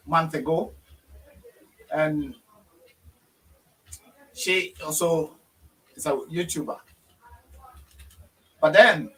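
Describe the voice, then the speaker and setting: A Ghanaian man hosts a casual online video interview, speaking in a bright, fairly high voice that is warm, slow and hesitant, with frequent pauses and many fillers. He sits a little back from the microphone, so the mic is distant and the recording rough.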